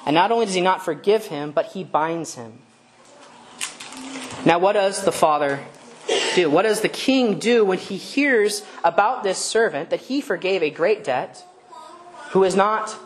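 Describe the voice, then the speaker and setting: Woman preacher, lowish voice, conversational sermon full of rhetorical questions. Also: animated, unhurried, pauses often, slight background noise. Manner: conversational, asks rhetorical questions, self-correcting.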